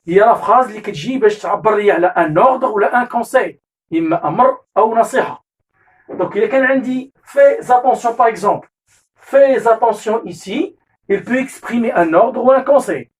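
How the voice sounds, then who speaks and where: A man's voice: sits high, lively intonation, fast talker. Moroccan-accented male teacher explaining grammar step by step, repeats himself and self-corrects, recorded from a little distance. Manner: repeats key terms, corrects himself with "pardon"; mixes French with Moroccan Arabic asides. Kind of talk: classroom lesson explanation. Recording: voice distant from the mic.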